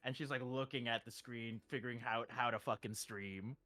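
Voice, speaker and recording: A male streamer telling a story in casual chat. He is animated, swears freely and acts out the quotes. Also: medium pitch, moderate pace, faint music behind.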